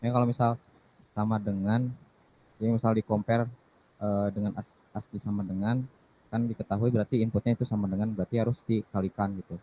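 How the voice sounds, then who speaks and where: A young male student puts questions to his teacher in a halting, unsure way, often stopping on fillers. His voice sits low and mellow, with faint noise behind it. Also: flat delivery, low-quality recording. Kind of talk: asking a teacher questions in class.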